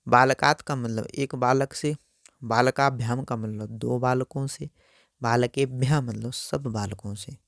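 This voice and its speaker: A man teaching a Sanskrit grammar lesson, reciting word forms carefully and in a measured way. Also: mid-range voice, fairly even intonation, creaky, dry recording, studio quality. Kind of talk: slow spoken grammar lesson.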